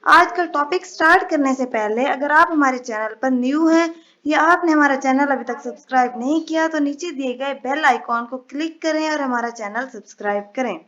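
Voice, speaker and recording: A woman teaching an English lesson, explaining patiently step by step and reading English definitions slowly. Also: high-pitched, a bit bright, dull audio.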